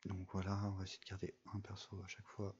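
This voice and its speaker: A man's voice: sits low, completely flat delivery, fast, darkish tone, breathy edge, dull audio. A young man giving casual, rambling commentary over a mobile game, full of fillers and restarts. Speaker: gaming video creator.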